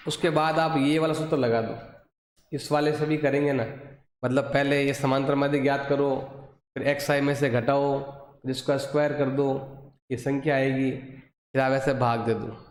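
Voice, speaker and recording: A male math teacher with a Hindi accent explaining a lesson step by step, asking and answering his own questions. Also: fairly high pitch. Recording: echoey room, voice drifting from the mic.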